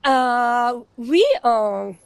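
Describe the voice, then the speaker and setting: A woman with a Mexican Spanish accent talks in broken beginner French, slowly and with hesitations. Her voice is fairly high and recorded dry and close, as a guest learner in a casual exercise. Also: creaky, clean tone, no room sound. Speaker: guest learner, member of a language-teaching team. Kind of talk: casual on-camera pronunciation exercise.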